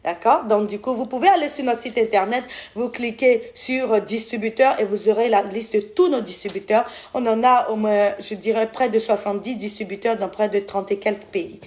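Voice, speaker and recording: A woman's voice: fairly high pitch, steady tone, normal speed, hardly any pauses, a little mellow. Chatty woman with an Ivorian French accent. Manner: chatty, affectionate, calls viewers "my loves"; loses track and corrects herself. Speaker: skincare brand owner answering viewers. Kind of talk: casual live-stream Q&A.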